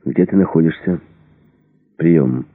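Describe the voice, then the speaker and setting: A man voicing a calm male military radio operator, brisk and formal. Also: very deep voice, husky, no room sound, heavily acted. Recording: dry, tinny phone-like sound.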